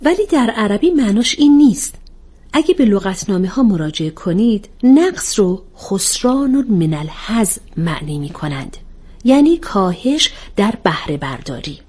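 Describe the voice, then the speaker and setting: Woman reading a calm young woman explainer in a storybook, breathy, lilting voice. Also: mid-range voice. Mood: explaining.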